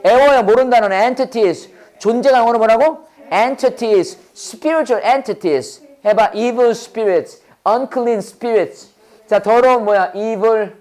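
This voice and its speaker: A woman with a Korean accent teaching English at a church school, drilling phrases call-and-response and explaining quickly in Korean. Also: fairly high pitch, a little mellow. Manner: drills words by repetition, prompting the class to repeat; switches fast between slow English and rapid Korean explanation.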